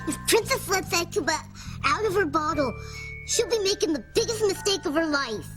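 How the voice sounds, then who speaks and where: A woman voicing a small male doll figure that pleads anxiously in a squeaky voice. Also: animated, moderate pace, music in the background. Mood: pleading.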